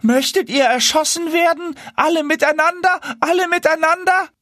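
A man voicing tame farmyard geese, shrill and indignant, high above his own voice. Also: very animated, takes it slowly, a bit bright, no room sound, clean studio sound, full character voice. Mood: scolding.

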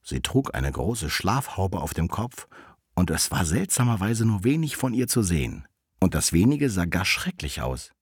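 A man reads a children's fairy tale aloud with expressive, animated delivery. His voice is deep with a husky grain and moves through a wide pitch range. The recording is dry and close. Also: normal speed, no room sound. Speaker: storyteller.

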